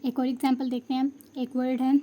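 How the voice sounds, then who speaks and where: Mellow-voiced woman teaching English grammar. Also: high-pitched, monotone, brisk. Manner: patient, checks understanding, mixes Hindi and English. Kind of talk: explanatory lesson.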